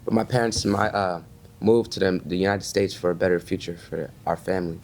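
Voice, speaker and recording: Deep-voiced young male player from Kenya. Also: steady tone, a little fast, a little mellow. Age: young adult. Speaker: student basketball player. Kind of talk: casual interview.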